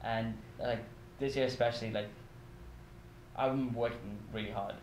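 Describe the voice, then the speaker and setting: Flat-voiced young man in an echoey room. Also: mid-range voice, moderate pace. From Bahrain. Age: 20s. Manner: casual, self-deprecating, lots of "like". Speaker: college student interviewee. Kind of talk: documentary interview. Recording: echoey room, faint background noise.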